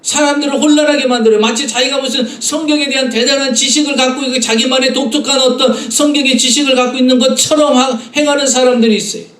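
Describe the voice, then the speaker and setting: A man's voice: very high-pitched, fairly even intonation, fast talker, hardly any pauses, fairly bright tone, echoey room, recorded from a distance. A man preaching a Sunday sermon as pastor, earnestly addressing the congregation and acting out voices in his stories. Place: church sanctuary.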